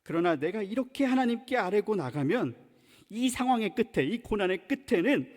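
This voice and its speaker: A man's voice: sits high, lively intonation, moderate pace, darkish tone. A male pastor preaching a sermon, earnestly explaining a scripture passage. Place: church sanctuary. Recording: long church reverb.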